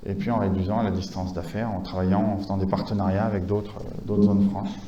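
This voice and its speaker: A man's voice: low-pitched, flat delivery, brisk, dark tone, roomy sound, muffled recording. A man giving a conference lecture, talking with many hesitations, fillers and restarts. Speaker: conference speaker.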